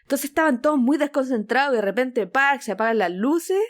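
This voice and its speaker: A Chilean woman in her young adult years, chatting on a podcast. Her voice sits fairly high, and she performs the story, jumping into the voices of the people she quotes. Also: a little fast. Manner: animated, acts out quotes with big shifts in voice. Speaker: podcast co-host. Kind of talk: casual chat, storytelling.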